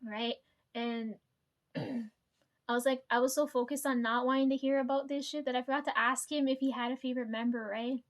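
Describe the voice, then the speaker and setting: Her tone steady and her pace normal, a vlogger tells a rambling story straight to camera in a bright, high voice and a relaxed, conversational style. She curses without hesitation, laughs often and keeps engaging her audience.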